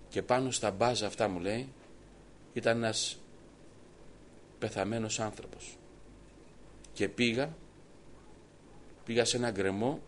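A man's voice: on the low side, a little hiss or hum. A man telling a personal story to his congregation as a sermon, quoting the dialogue at length. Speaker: preacher giving testimony. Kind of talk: sermon testimony.

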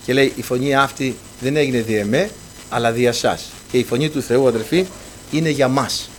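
A man preaching a sermon, addressing his listeners as brothers and reading scripture aloud, swinging between loud proclamation and hushed speech. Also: mid-range voice, a little hiss or hum.

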